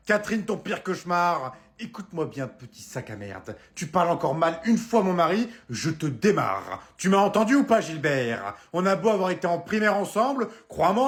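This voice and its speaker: A man's voice: sits high, voice pushed up. A man voicing a fierce wife who threatens her husband's boss over the phone in a comedy sketch. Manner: sneering, threatening, loud.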